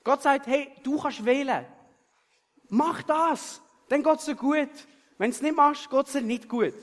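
A man with a Swiss German accent preaching a sermon and telling a personal story in a lively way, often tagging his sentences with a question to the congregation. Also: extremely high pitch, measured pace. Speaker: pastor. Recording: long hall reverb.

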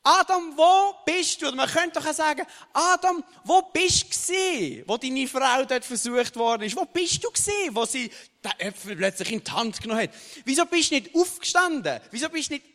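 A man's voice: very high-pitched, animated, a little fast, pushed and bright, long reverb tail, pitched above the performer's own voice, full character voice. A Swiss German preacher voicing God as a stern father who presses with reproachful questions.

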